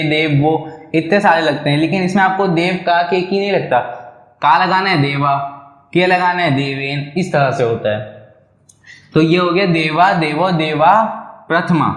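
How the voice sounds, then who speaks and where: A man's voice: on the high side, a bit bright, echoey room. A man teaching a school lesson, patiently explaining, asking questions and answering them himself, with a Lucknow Hindi accent.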